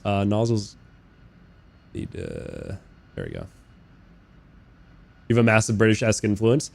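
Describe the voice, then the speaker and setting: A young man live-streaming a flight sim, chatting casually and rambling, swearing freely, talking to his chat and bursting into loud incredulous rants. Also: fairly low pitch, wildly swooping pitch, unhurried, gravelly, slight background noise. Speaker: game streamer. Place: living in Australia.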